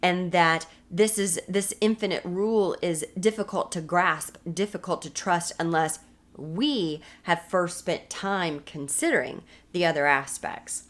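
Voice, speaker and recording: An American woman with a slightly low voice teaches a recorded women's Bible study. She speaks earnestly and repeats key phrases to drive each point home. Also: unhurried.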